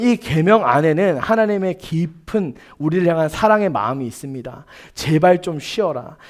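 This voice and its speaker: A man's voice: fairly high pitch, a little mellow. A man preaching a sermon to a young adult congregation. He speaks emphatically, fires rhetorical questions at his listeners and repeats his key points. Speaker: pastor. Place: church sanctuary.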